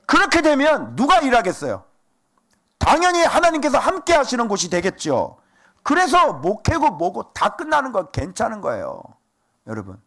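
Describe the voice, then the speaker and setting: A man preaching a sermon as pastor, animated and asking the congregation rhetorical questions. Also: very high-pitched, moderate pace, gravelly.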